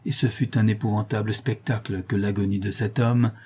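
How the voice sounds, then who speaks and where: Brief: man narrating a classic novel, mellow and husky, steady dramatic delivery. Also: fairly low pitch, moderate pace. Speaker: audiobook narrator.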